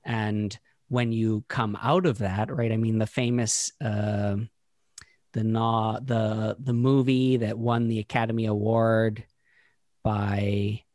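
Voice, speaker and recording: A man's voice: lowish voice, level tone, a little mellow, dry recording. Thoughtful man musing aloud, very dry sound. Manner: thoughtful, halting, many restarts and fillers. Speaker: podcast co-host. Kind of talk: casual conversational discussion.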